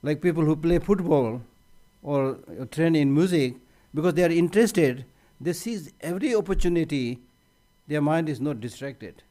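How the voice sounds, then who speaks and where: A man teaching on meditation at a conference, conversational, often repeating words as he restarts a phrase, with gentle humor. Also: on the high side, expressive, normal speed. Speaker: Buddhist teacher.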